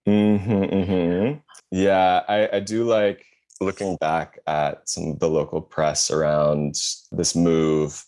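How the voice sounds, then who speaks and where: A man's voice: sits low, little pitch movement, slow, darkish tone. A man hosting a podcast in casual chat, reading press quotes aloud with wry asides. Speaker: podcast host.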